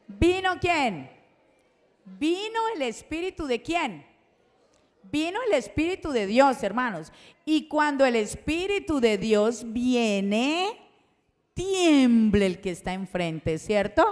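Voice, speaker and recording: A woman preaching a sermon who asks the congregation questions and answers them herself. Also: a little high. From Colombia. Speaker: schoolteacher. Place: church hall. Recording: long church hall reverb.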